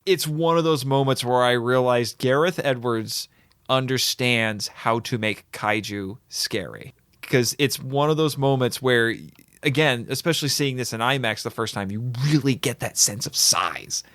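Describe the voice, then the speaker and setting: Man, podcast host, casual chat, eager, mid pitch, dry close mic. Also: a little slow, fairly bright tone, no room sound. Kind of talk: casual chat about films.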